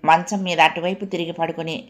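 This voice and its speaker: A woman's voice: lowish voice, level tone, fairly quick. A woman narrating a serialized audio novel, greeting her listeners as friends and telling the story expressively. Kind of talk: reading a serialized novel aloud.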